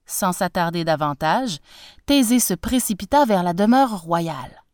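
A woman narrating a myth as a storybook reading, measured and expressive. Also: lowish voice, dry recording, studio quality.

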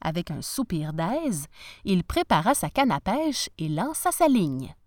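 A woman narrating a children's storybook with an expressive, animated reading voice. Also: on the low side, a little slow, no room sound, studio quality.

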